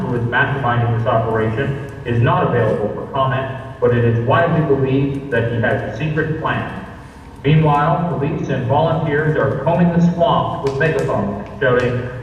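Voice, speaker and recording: An actor playing a grave radio announcer reading a formal police bulletin, muffled and echoing in a hall. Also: male voice, mid-range voice, normal speed, distant mic, a little hiss or hum, natural voice. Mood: solemn. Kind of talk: formal radio bulletin, slightly mock-serious. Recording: muffled, echoey playback in hall.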